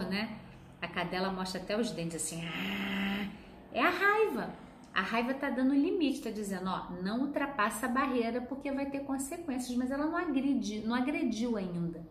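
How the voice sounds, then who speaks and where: A woman who hosts a self-help talk and gently guides viewers, speaking to them directly. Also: mid-range voice, slight background noise. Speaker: host, emotional wellness guide. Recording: roomy echo, faint ambience.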